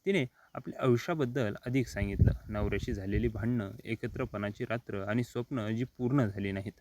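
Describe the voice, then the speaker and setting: A man reading a first-person story as scripted narration, steady and even. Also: fairly low pitch, brisk, background noise.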